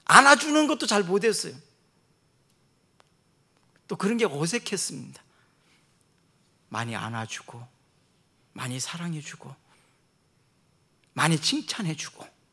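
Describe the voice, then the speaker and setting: A middle-aged man, a pastor preaching a sermon in an earnest way, dropping soft and reflective, then rising loud and emphatic. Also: a little high, sing-song, measured pace, pauses often, husky.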